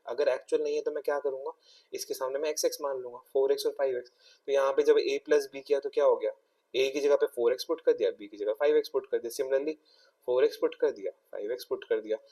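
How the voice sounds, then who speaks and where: A man's voice: on the high side, dark tone, distant mic. A young Indian man teaching a maths exam-prep lesson, explaining step by step and often checking in with his students.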